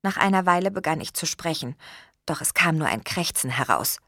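A woman calmly reading a first-person novel as an audiobook narrator. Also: sits low, fairly quick, no room sound, clean studio sound.

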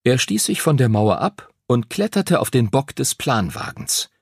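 A man narrating an audiobook in an expressive storytelling manner, close to the mic. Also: medium pitch, unhurried, gravelly, slightly rough, dry recording.

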